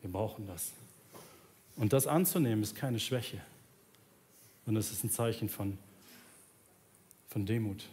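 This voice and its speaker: A slight hiss or hum accompanies this recording of an earnest pastor in his thirties preaching on a large church stage. Swinging from soft, low passages to raised pleading, he wraps up with a closing prayer above soft instrumental music.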